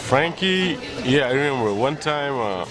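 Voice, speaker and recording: A man, calmly telling a friendly story. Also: medium pitch, measured pace, over music. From Senegal. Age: 20s. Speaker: interviewee.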